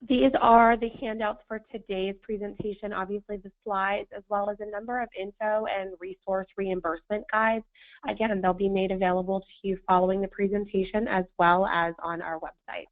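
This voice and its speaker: A woman hosts a webinar with a hoarse smoker's rasp and plenty of gravel in her voice. She reads a prepared presentation, and the sound is thin, like a phone line. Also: medium pitch, little pitch movement, normal speed. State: hoarse, sandpaper-rough voice. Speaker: webinar host. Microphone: phone or webinar audio connection.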